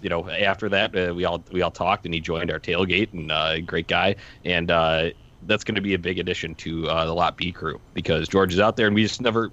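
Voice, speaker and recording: A man co-hosting a podcast, chatting casually in a halting, rambling way. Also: sits low, fairly bright tone. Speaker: podcast co-host. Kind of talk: casual chat. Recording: slightly dull lo-fi audio.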